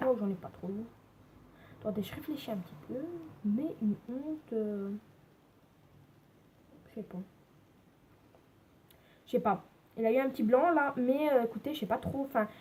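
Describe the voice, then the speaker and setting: A young woman from France chatting casually on her home vlog, answering tag questions with many pauses and fillers. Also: on the high side, darkish tone, breathy edge. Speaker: vlogger. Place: home bedroom with neighbour noise.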